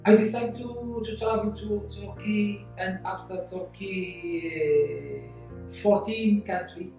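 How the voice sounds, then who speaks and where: A man, speaking hesitantly in halting conversational English and repeating words as he searches for them. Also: high voice, gravelly, darkish tone. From Morocco. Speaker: interviewee. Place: indoor room with large windows. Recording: distant echoey room with guitar music.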